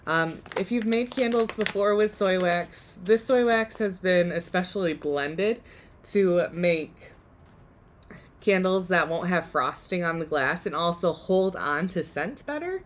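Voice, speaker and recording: A woman's voice: fairly low pitch, animated, unhurried. Woman host losing her voice. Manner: chatty, upbeat explaining. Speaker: workshop host. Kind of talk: live DIY demonstration.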